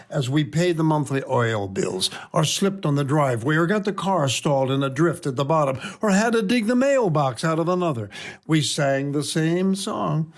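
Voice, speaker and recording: An older man reading his own personal essay aloud in a wry, reflective storytelling manner. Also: on the high side. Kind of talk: scripted personal narration.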